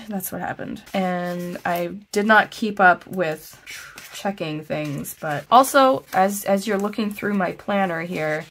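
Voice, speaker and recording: In a casual plan-with-me chat, a woman vlogs while reviewing her planner, thinking aloud in a chatty, self-deprecating way. Her voice is on the low side and slightly hoarse after being ill.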